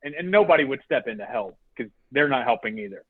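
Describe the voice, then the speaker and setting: A man's voice: mid-range voice, fast talker, dry recording. A young man telling a work story on a casual podcast, acting out what people said. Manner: animated storyteller, acts out quotes. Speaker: podcast co-host. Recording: tinny phone-like dry sound.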